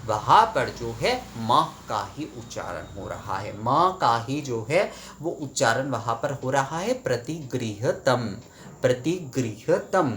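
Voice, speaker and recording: A man's voice: mid-range voice, a little slow, hardly any pauses, slight background noise. Man explaining mantra pronunciation. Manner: conversational, repeats phrases, chants Sanskrit lines in a steady rhythm.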